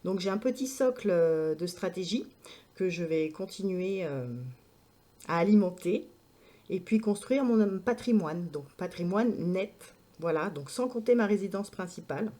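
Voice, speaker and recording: A woman's voice: lowish voice, lively intonation, measured pace, dark tone. A woman talking casually to camera in a vlog update, hesitant, with many filler sounds and restarts. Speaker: vlogger.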